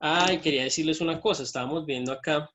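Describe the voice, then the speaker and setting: A man's voice: fairly high pitch, fast, fairly bright tone, slight background noise. A man teaching an online math lesson from his computer, explaining each step and checking in with his students.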